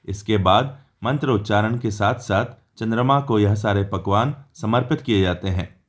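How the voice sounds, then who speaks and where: A man reading a scripted narration in an even, formal, explanatory manner. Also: on the low side, moderate pace. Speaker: narrator of a devotional explainer video.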